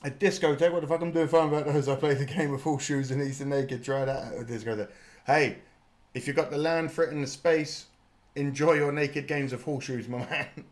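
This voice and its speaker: A man's voice: on the high side, steady tone, a little fast. A British man in his thirties hosting a live watch party stream, chatting and joking with viewers and laughing often. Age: 30s. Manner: chatty and jokey, laughs often, swears casually. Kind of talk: live reaction chat.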